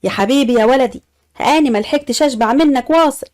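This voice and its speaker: A woman's voice: high-pitched, fast talker, a little mellow, close to an everyday voice. A woman doing a doting older Upper Egyptian mother. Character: older mother, affectionate and blessing.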